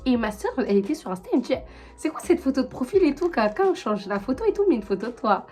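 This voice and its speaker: Young woman vlogger, high voice, rambling slangy storytelling, soft music underneath. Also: fast talker. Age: young adult. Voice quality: high-pitched. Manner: chatty, animated, full of fillers and slang. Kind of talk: casual storytelling to camera.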